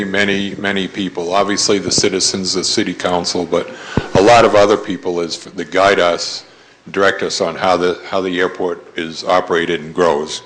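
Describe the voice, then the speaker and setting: A man who works with the airport, introducing guest speakers at a public meeting in a halting way with uhs. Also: low voice, a bit bright, slight background noise, poor audio. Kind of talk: meeting presentation.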